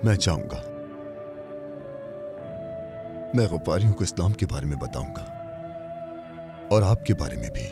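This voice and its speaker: A fervent, fearless preacher of the faith. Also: male voice, high-pitched, very animated, normal speed, over music. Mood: devoted. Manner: fervent, proclaiming. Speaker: dub actor. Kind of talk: Urdu film dubbing. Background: film score.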